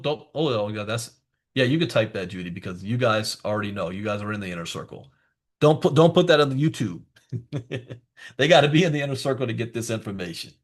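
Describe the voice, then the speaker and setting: This is a man hosting a live online lesson at a middle pitch. He talks to his viewers in a chatty, emphatic way and leans hard on key words. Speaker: crypto educator hosting a live class. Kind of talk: live online teaching session.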